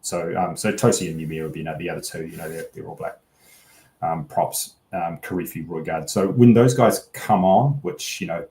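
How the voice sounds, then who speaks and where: Speaking at a normal speed, a rugby betting pundit works through casual sports analysis in a hedging, meandering way, hesitating as he circles his points. He has a deep, warm voice, and the recording carries the echo of the room.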